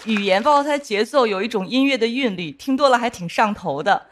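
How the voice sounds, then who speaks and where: A woman judging a comedy performance, giving measured, thoughtful feedback. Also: fairly high pitch, animated, a faint crowd, a little hiss or hum. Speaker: judge on a comedy show. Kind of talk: critique of a performance.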